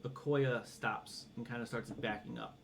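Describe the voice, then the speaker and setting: A man acting as game master, narrating a tabletop game in a halting, deliberate way and chatting casually with players. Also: medium pitch, steady tone, creaky, a little hiss or hum.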